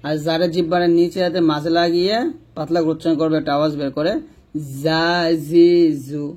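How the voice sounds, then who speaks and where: A man teaching Quran reading, explaining tongue placement and then slowly drawing out each letter sound for the learner to copy. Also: fairly high pitch, little pitch movement, darkish tone. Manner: slow, drawn-out syllable demonstrations between brisk explanations; repeats letter sounds patiently, addressing the learner directly. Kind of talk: step-by-step pronunciation lesson.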